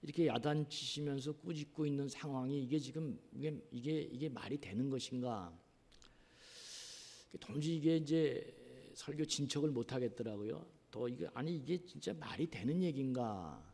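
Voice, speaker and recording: A man preaching a sermon as pastor, earnest, asking rhetorical questions and pausing on drawn-out fillers. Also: mid-range voice, vocal fry, dark tone, slightly rough. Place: church sanctuary. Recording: long reverb of a church hall.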